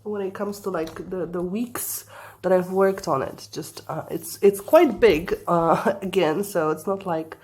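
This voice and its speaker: A woman's voice: on the low side, unhurried, a little mellow. A young woman with a congested, stuffy voice, chatting casually in a craft vlog, hesitant and apologetic with many fillers. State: congested from the flu. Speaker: craft vlogger.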